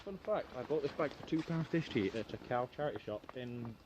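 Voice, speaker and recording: A man's voice: mid-range voice, lively intonation, dull audio. A young man, bantering and joking offhandedly with a friend outdoors at an abandoned building. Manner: quick, jokey and offhand. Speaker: exploring companion. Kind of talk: casual banter. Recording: noisy outdoor phone recording.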